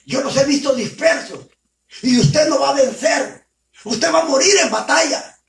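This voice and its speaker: A firm, solemn prophet, as a preacher voices him. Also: male voice, very high voice, measured pace, pitched above the performer's own voice. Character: steadfast male prophet of God. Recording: roomy sound from far off.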